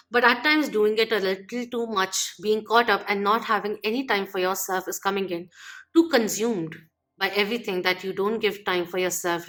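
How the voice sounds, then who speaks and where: A woman giving a channeled tarot reading, gently and reflectively listing what each card means. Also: on the high side. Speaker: tarot reader.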